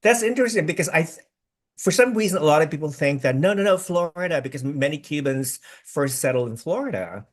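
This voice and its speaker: A man's voice: fairly high pitch, expressive, fairly quick. A man hosting a casual video-call interview, chatty and effusive, with many restarts. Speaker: host.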